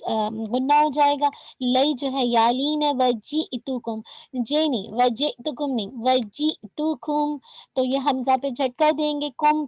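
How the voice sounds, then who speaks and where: A woman's voice: high-pitched, darkish tone, no echo, low-quality recording. A woman teaching Quran recitation rules step by step, patiently correcting and mixing in English terms. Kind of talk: online tajweed lesson.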